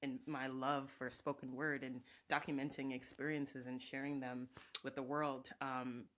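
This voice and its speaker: A woman in her thirties, from Jamaica, answering interview questions reflectively with many pauses. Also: very deep voice, little pitch movement, a bit bright. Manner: reflective, speaks in lists with many ums. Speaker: guest, professor and organizer. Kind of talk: conversational interview.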